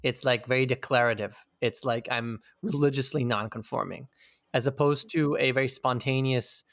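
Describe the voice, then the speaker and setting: A male interviewee speaks at a moderate pace with a medium pitch, fairly even intonation, and a fairly bright tone. The sound is clean studio audio with no room noise. He reflects thoughtfully, searching as he talks, with an occasional casual swear.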